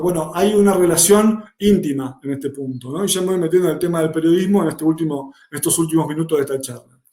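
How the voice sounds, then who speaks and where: A man teaches a workshop in a fairly high voice. He explains patiently and hammers key questions again and again. The sound carries a noticeable room echo. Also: darkish tone. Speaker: workshop instructor. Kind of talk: online lecture.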